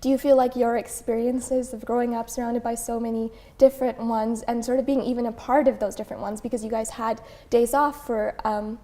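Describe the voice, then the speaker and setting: A young woman from Canada hosting an interview, speaking softly and encouraging her guest with frequent murmurs of agreement. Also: on the high side, flat delivery, a little fast, few pauses. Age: young adult. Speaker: host.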